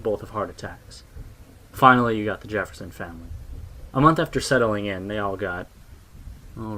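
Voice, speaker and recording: Hushed low-voiced man telling a horror story. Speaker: narrator.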